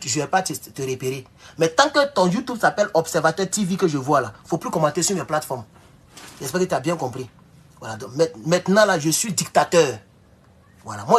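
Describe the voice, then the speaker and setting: Blunt husky man hosting a livestream. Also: on the high side, a bit bright. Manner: blunt, scolding, repetitive with many "voilà". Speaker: YouTube live host. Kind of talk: live stream monologue. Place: home in Mexico.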